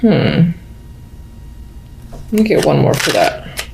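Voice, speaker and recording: This tarot reader's voice is low and gravelly, with wildly swooping pitch and a slow pace. She speaks to the listener in an unscripted, mystical horoscope reading, thinking aloud as she goes, in a recording marked by roomy echo, faint clicks, and background noise.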